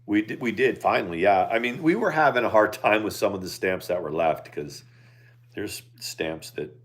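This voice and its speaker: A man's voice: lowish voice, expressive, normal speed. A man co-hosting a casual livestream chat, plainspoken and hesitant, with many fillers and restarts. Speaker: livestream co-host.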